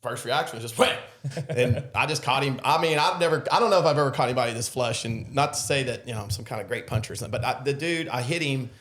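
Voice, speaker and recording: Man, middle-aged, animated storyteller, fillers, casual podcast talk. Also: medium pitch, racing, few pauses. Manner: animated storyteller, acts out quotes, many fillers. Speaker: podcast guest, loan officer.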